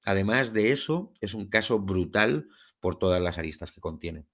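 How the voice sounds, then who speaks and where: Very deep-voiced man with a Spain Spanish accent. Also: lively intonation, normal speed, a bit bright. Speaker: podcast host. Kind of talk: podcast monologue on a UFO case, part scripted narration.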